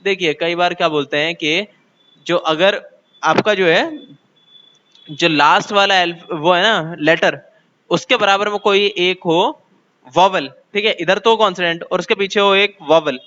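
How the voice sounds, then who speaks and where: High, bright-voiced Indian teacher. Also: male voice, highs cut off. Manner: explains step by step, asks the class rhetorical questions; reads English rules out slowly. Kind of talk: grammar lesson in Hindi with English terms.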